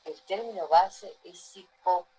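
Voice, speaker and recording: A woman's voice: fairly low pitch, moderate pace, dark tone, husky, low-quality recording. A woman teaching a class, lecturing and often asking the students if they follow. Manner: asks the class frequent check-in questions.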